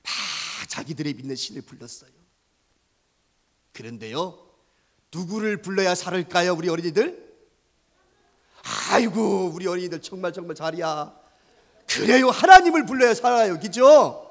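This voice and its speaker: A man telling a Bible story to a children's class in an animated, storytelling sermon. His voice sits high and moves widely in pitch, and he keeps asking the children questions. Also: normal speed, long pauses. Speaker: Sunday school preacher.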